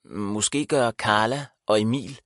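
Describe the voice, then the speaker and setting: A man voicing a dreamy young boy who loves nature adventures, speaking quietly and a little reluctantly in an audiobook. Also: on the low side, no echo, studio quality, natural voice. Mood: quiet, polite.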